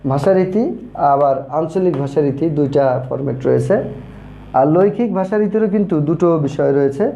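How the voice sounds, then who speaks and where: Brief: male teacher, slightly high voice, mellow tone, repeats key terms, echoey room. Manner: slow and repetitive, says key terms twice. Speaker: grammar teacher. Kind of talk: online grammar lesson, writing on a board. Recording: echoey room with faint noise.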